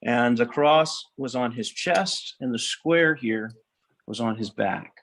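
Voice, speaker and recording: A man speaks as a tour guide inside a cathedral, in a middle-pitched voice. His delivery is reverent and explanatory, unscripted and halting, with frequent pauses partway through his sentences. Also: a bit bright. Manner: halting, pausing mid-sentence. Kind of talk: informal guided tour narration.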